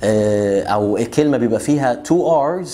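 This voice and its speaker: A young man with an Egyptian Arabic accent teaching English pronunciation in a casual video lesson, joking and boastful, slowing right down to spell out example words. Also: mid-range voice, lively intonation, dark tone. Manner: boastful, joking, rapid chatty explanations with slow drawn-out example words.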